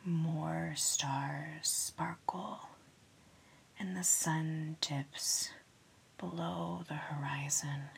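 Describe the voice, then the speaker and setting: A woman whispering a slow, soothing sleep story, counting sheep in a soft unvoiced whisper. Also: low-pitched, steady tone, gravelly, breathy edge.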